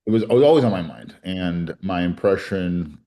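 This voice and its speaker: His pitch stays low and his tone is dark, yet his intonation is lively and his pace moderate. The forties-aged criminal defense attorney who grew up in Colombia shares his story in an interview, reflective and earnest, with many restarts.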